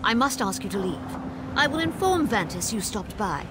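A woman's voice: mid-range voice, sing-song, normal speed, music in the background, lightly acted. An actress playing a haughty, suspicious lady of the manor in a video game, formal and clipped. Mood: curt, dismissive. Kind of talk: video game character dialogue.

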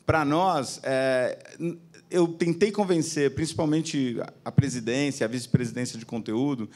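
A man in his forties with a Brazilian Portuguese accent speaks in a medium-pitched, slightly dark voice at an unhurried pace. He's a TV channel executive addressing an auditorium audience from the stage with a handheld mic. His talk is chatty and full of tag questions.

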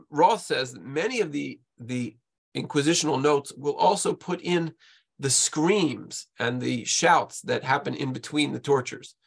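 A man, a rabbi, giving a slide lecture in a halting way, often repeating words as he goes. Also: mid-range voice, gravelly, a bit bright, breathy edge.

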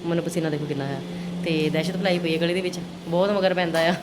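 A woman's voice: on the low side, steady tone, quick pace. A middle-aged woman with a Punjabi accent chatting casually to her viewers about daily life, often putting questions to them. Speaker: vlogger mother. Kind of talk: casual daily-routine vlog chat to viewers. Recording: clearly noisy everyday vlog recording.

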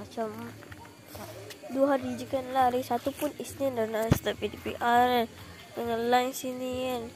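A woman's voice: high voice, a little mellow, slight background noise. A young woman with a Malaysian Malay accent, chatting casually in a camping vlog, rambling with fillers, recorded on a phone held close outdoors. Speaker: vlogger. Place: outdoor campsite among trees. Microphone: phone held close at arm's length.

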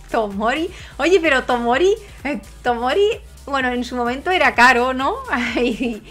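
A young woman from Spain with a Spanish accent, giving chatty gameplay commentary straight to her viewers and breaking into excited shrieks. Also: high-pitched, slow, soft background music. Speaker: gaming streamer.

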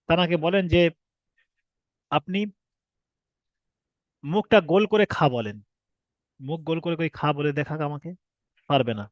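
A man's voice: on the high side, dry recording, highs cut off. A man teaching an online class on the shapes and pronunciation of the alphabet, explaining patiently and repeating himself with rhetorical questions. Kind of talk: online recorded class lesson.

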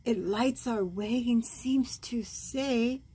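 Indoors in a small room at home, a woman in her sixties reads a bedtime story to the children, breaking off for soft, cooing remarks about the pictures. She is a grandmother with a husky, worn, fairly high voice. Her pace is very slow, her tone tender and expressive.

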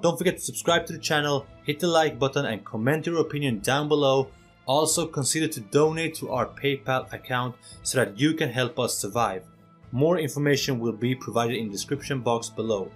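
A man's voice: medium pitch, breathy edge. A man hosting an opinion video as a voice-over, earnest and persuasive, speaking straight to his viewers. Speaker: channel host.

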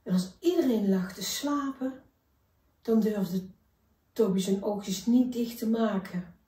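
A woman reading a children's story aloud in a gentle, expressive way. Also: mid-range voice, slow pace, recorded from a distance. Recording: echoey room, voice from afar.

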